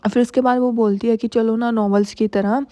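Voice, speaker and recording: A woman's voice: a little high, steady tone, brisk, mellow, no room sound. A woman casually retelling a drama's story in a chatty, close-miked recap, adding playful asides to the listener.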